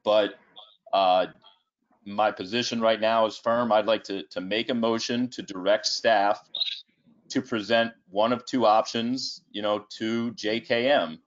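Through dull video-call audio, a man with a fairly low voice speaks as a commissioner. His meeting remarks are formal, firm and measured. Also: fairly even intonation. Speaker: city commissioner.

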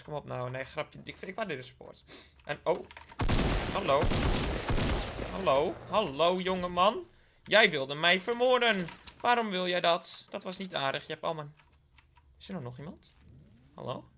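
A young Dutch man with a fairly high voice and plenty of gravelly fry, riffing through live gameplay commentary. His tone is bright and edgy, and he jokes with viewers and mixes in English slang. Faint keyboard clicks sit behind him. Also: a little hiss or hum. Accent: Dutch (Netherlands). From Netherlands. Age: young adult. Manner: playful, joking, addresses viewers, sprinkles in English slang. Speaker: gaming YouTuber.

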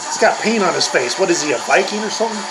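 A man's voice: high voice, expressive, fast, low-quality recording. Profane grumbling older man ranting over metal. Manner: crude, profane, mocking grumbling. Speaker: reaction video host. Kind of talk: comedic reaction rant. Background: heavy metal music playing.

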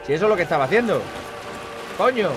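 This gaming channel host is a young man from Spain whose voice sits high and sounds lively as he talks fast. His gameplay commentary wanders casually, full of swearing and remarks aimed at viewers, over game music.

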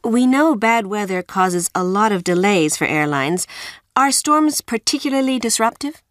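A woman's voice: mid-range voice, animated, moderate pace, dry recording, clean studio sound. A woman interviewer asking scripted questions.

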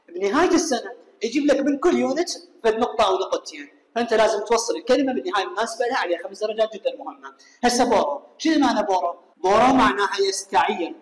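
A man with an Iraqi Arabic accent, an English teacher explaining a lesson step by step and firing quick questions at his students. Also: high-pitched. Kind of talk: classroom explanation. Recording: echoey room with long reverb.

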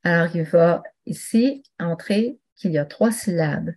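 Low-voiced woman teaching a webinar. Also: measured pace, a little mellow. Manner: conversational, with many fillers and restarts. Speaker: webinar presenter.

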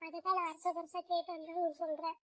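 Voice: extremely high pitch, flat delivery, fast talker, dry recording. A girl voicing a bold young girl who tells the others about the haunted house and urges them to run. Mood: secretive. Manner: urgent, bossy when giving orders.

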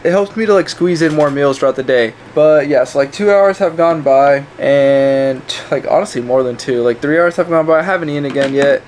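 A man's voice: on the high side, brisk, hardly any pauses, darkish tone, a little hiss or hum. A young adult man chatting casually to camera like a gym bro, with slangy, sweary talk, as a fitness vlogger. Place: small indoor rooms at home, bedroom and kitchen.

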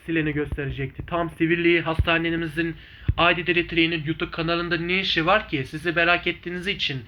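A man giving informal vlog commentary on his videos in a rambling, repetitive, halting way. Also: a little high, flat delivery, sharp tone. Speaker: video channel host.

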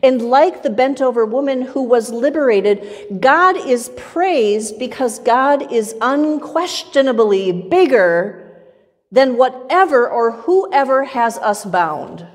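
Middle-aged woman pastor, higher voice, slow measured sermon, church reverb. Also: expressive. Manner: measured, rhythmic preaching with repetition. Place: church sanctuary with pipe organ, far camera.

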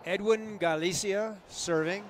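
A man's voice: sits high, measured pace, slight background noise. A man giving live sports commentary in a matter-of-fact, informative way, filling in background and spelling out names.

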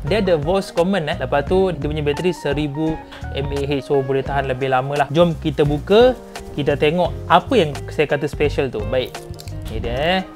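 A Malaysian motovlog host with a higher-pitched voice does a casual product unboxing over music, speaking at normal speed. He's an informal, enthusiastic presenter full of slang and catchphrases, recorded on a clip-on lapel mic.

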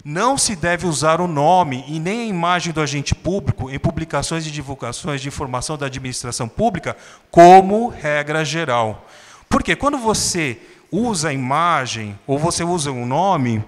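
Man lecturing in a council chamber, explanatory, slightly high voice, hall echo. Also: expressive, normal speed. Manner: explanatory, with tag questions. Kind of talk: public lecture. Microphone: handheld mic. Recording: long reverb of a hall.

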